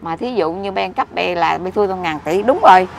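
A middle-aged woman with a Southern Vietnamese accent, rambling excitably and scolding in a street conversation. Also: lowish voice, a little fast, vocal fry. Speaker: interviewee. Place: outdoors by a street. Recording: loud street traffic behind.

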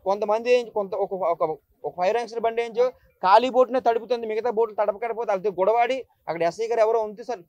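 A man's voice: high voice, fast, darkish tone, no echo. A young man speaking at a press meet, recounting events in an agitated, emotional way and repeating himself often. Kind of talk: emotional first-person account to the press. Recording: dull lo-fi dry recording.

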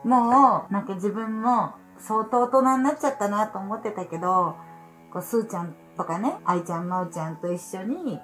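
A woman's voice: medium pitch, moderate pace, fairly bright tone, faint music behind. A tipsy woman in her fifties chatting casually in a group. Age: 50s. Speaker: host's mother, channel regular. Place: indoor room, sofa around a table.

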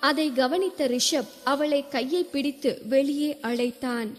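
A woman narrating a novel in steady scripted storytelling, heard with a long hall reverb. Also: high voice, slow pace. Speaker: audiobook narrator.

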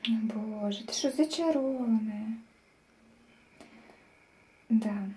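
A woman talking in a hushed voice that often drops to a whisper, fondly teasing a pet as in a casual home vlog. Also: a little high, extremely slow. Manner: speaks softly, often dropping into a whisper at night; affectionate, teasing pet talk with diminutives. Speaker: pet owner and amateur plant vlogger. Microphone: handheld phone.

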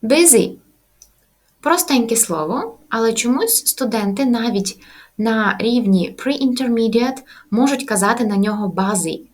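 Female language teacher, voice sitting a bit high, slow careful delivery of example words. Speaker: English teacher. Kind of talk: language lesson.

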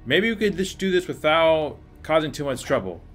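A man's voice: fairly high pitch, animated, moderate pace, fairly bright tone, faint music behind. A young man giving casual commentary while playing a video game. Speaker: gaming host playing and reacting.

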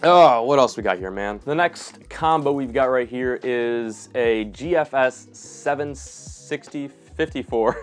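A young man hosting his own fishing channel, talking casually and enthusiastically through his rods and reels in a home studio, with slangy asides. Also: medium pitch. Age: young adult. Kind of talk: casual gear review talk. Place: indoor home studio room.

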